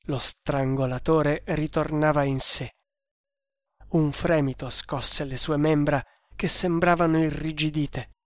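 A reader narrating an adventure novel in a measured, dramatic audiobook style. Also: mid-range voice, fairly even intonation, no room sound.

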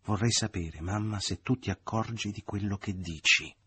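Male reader as a tightly controlled angry young woman; low, husky. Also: moderate pace, exaggerated voice. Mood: tense. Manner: tense, forced calm. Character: young woman holding back deep anger.

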